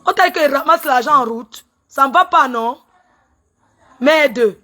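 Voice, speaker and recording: A woman speaks into her phone during a live stream, her voice sitting high and sounding bright and piercing. She is tearful and agitated, circling back over the same grievances and pressing indignant questions on the listener. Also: measured pace. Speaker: livestreamer airing a complaint. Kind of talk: emotional social media live rant.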